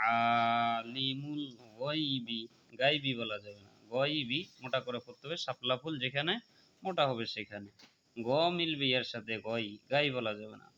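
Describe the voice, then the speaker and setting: A man teaching Quran recitation, explaining pronunciation calmly and then chanting the verses slowly and melodically. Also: mid-range voice. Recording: muffled lo-fi recording.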